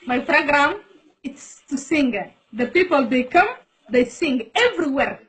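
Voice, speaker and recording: A woman's voice: sits high, expressive, unhurried, fairly bright tone. A Djiboutian woman whose first language is Somali, hosting a casual live-stream chat in broken English, repeating herself and coaxing her guest.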